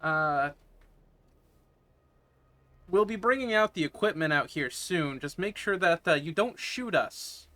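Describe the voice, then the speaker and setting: A man plays a rugged male contact bundled in snow gear, rude and sweary. He speaks in a bright, slightly high voice. It is a blunt, no-nonsense delivery in a tabletop game. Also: animated, a little slow, pauses often, dry recording. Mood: gruff.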